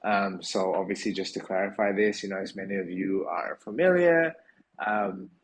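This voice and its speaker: A man with a low-pitched voice hosts a live audio chat as a project team member running an AMA, speaking at normal speed. His talk is loose, informal and full of fillers with the odd swear, over a low-quality recording with some hiss or hum.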